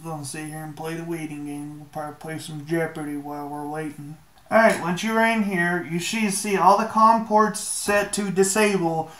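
A man with a fairly high voice walks viewers through a phone fix in a laid-back, joking tone, swearing now and then. His voice bounces around an echoey room. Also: fairly bright tone. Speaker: tech tutorial maker. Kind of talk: casual screen-recorded walkthrough.

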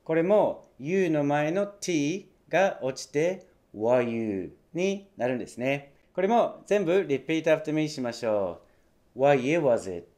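A man teaching English pronunciation in a clear, patient way, slowly repeating phrases for practice. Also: on the high side, lively intonation, darkish tone. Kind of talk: language lesson.

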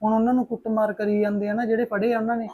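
An actor playing a protective, practical brother figure who reassures and firmly lays down the plan. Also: male voice, high-pitched, flat delivery, mellow. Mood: reassuring. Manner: reassuring, firm, fast-talking.

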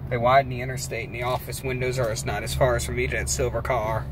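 An American man thinking aloud in an unhurried, casual way as he gives a rambling driving commentary. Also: medium pitch, level tone. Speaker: vlogger driving. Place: inside a moving car. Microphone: handheld phone. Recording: loud car and road noise.

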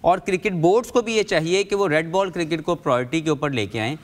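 Male cricket analyst, slightly high voice, earnest and explanatory, panel setting. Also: quick pace. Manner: earnest, explanatory, mixes in English phrases. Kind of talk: studio analysis chat.

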